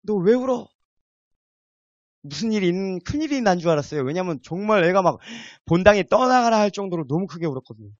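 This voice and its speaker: A male preacher delivering a sermon, swinging from emphatic peaks to soft asides and asking the congregation questions. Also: high-pitched, big pitch swings, fast talker, few pauses, dry recording, lo-fi sound.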